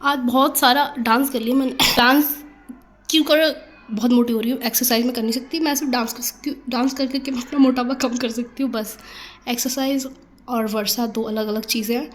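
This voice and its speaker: Chatty hoarse young woman vlogging. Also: on the high side, steady tone, fairly quick. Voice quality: hoarse, throat sore from a cold. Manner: chatty, rambling, self-mocking. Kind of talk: casual vlog chat.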